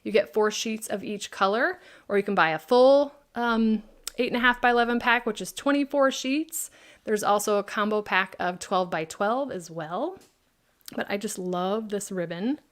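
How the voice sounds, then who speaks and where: A woman's voice: mid-range voice, normal speed. Female craft demonstrator, casual livestream host, chatty and friendly with viewers. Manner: chatty, answers viewer questions by name. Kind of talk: live product demo chat.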